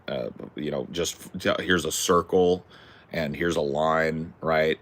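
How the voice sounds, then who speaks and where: This host talks in a loose, meandering style, cursing liberally while pushing his opinions with emphasis. His voice is deep and distinctive, with a somewhat bright quality.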